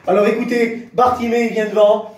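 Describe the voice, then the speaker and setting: A man preaching a fervent sermon to a congregation, speaking directly to them and rising into shouts. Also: very high voice, level tone, fairly quick, very noisy. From France. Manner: impassioned, rises to shouts, addresses the crowd directly. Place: church. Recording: very echoey church hall, heard from a distance.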